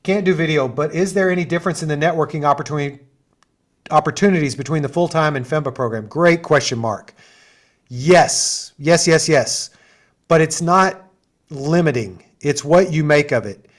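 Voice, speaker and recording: At a moderate pace and a slightly high pitch, this middle-aged assistant dean hosts an info session via video call. He describes programs with chatty enthusiasm, full of fillers and asides.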